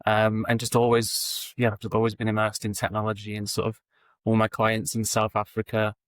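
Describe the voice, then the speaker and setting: A recruitment founder from England gives casual interview answers as a guest, relaxed and steady with frequent ums. He has a low, flat voice and speaks briskly, and the recording is smooth and dry.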